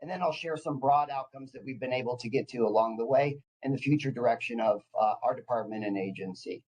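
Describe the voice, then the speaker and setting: Here a clinical department director presents informally, his mid-range voice a little mellow with a breathy edge. He talks fairly quickly, excited and caffeinated, and keeps hesitating and starting phrases over in his eagerness. The recording sounds rough.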